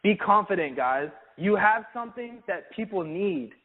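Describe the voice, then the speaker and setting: A man leading an energetic business training talk, who keeps calling his listeners "guys". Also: high voice, normal speed. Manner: energetic, keeps saying "guys", acts out sample calls. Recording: tinny phone-like sound.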